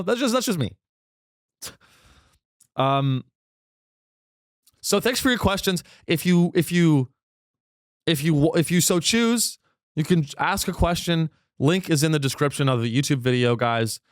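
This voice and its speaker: A podcast host delivers a rambling, irreverent comedic monologue, swearing freely as his voice wears thin and he loses it, with sudden high pitch jumps. His intonation is lively and his pace moderate, with frequent pauses. The studio-quality sound has no echo.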